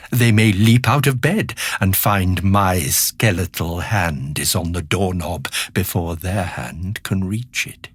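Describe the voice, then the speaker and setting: An actor playing a decaying, skeletal alien villain in an audio drama monologue, charming, sinister and self-pitying, confiding in the listener with sardonic relish. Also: male voice, deep voice, breathy edge, full character voice. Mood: quietly menacing. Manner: theatrical, confiding, sardonic, drawn-out menacing phrases.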